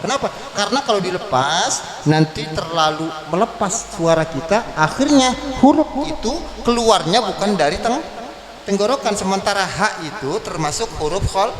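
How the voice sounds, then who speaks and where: A man teaching Quran recitation rules in a mosque, breaking into slow chanted verses and quizzing his students. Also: sits high, expressive. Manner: quizzes the class. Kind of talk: tajwid lesson with chanted recitation. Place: large mosque hall. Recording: echoey mosque hall with crowd.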